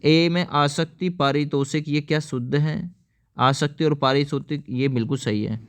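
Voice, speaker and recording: A man's voice: a little high, steady tone, moderate pace, clear, resonant tone. A man teaching an exam-prep lesson, explaining each answer step by step and often asking viewers to answer.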